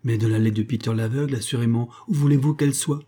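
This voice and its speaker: A man voicing a shrill, cajoling old grandmother from a city slum in an audiobook. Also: steady tone, fast, dark tone, breathy edge, natural voice. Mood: suspicious. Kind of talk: audiobook character voice.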